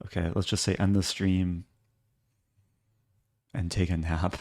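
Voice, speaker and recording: A man giving casual live commentary as a chess streamer, low-key and thinking aloud in short fragments. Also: flat delivery, unhurried, darkish tone.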